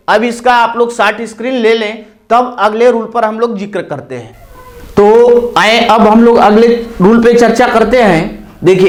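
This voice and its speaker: Teaching a Hindi grammar lesson in a classroom, a man with a very high voice and an eastern Uttar Pradesh accent speaks slowly and explains step by step. He often poses a question, then answers it himself.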